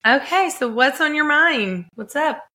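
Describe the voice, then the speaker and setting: A woman's voice: high voice, expressive, a little slow, sharp tone. A woman in her thirties co-hosting a podcast, chatting casually in an upbeat, confident way and laughing often. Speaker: podcast co-host and editor. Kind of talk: casual chat, scripted intro.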